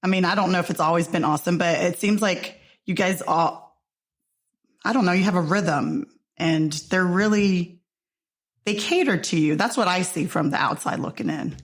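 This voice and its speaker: A woman hosting an interview podcast, introducing guests and encouraging them with warm affirmations. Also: on the low side, normal speed. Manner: friendly, encouraging, many affirmations. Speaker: podcast host. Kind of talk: casual interview chat.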